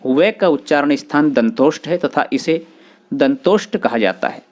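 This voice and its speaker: A man teaching grammar, explaining slowly and sounding out letters one by one, with short recited rules between them. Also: fairly high pitch, animated, darkish tone. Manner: slow, deliberate, spelling out sounds one by one. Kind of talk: explanatory lesson.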